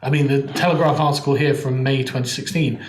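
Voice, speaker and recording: A British man arguing his point quickly and animatedly in a political panel discussion. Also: mid-range voice, fairly even intonation. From Britain. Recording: echoey room, faint noise.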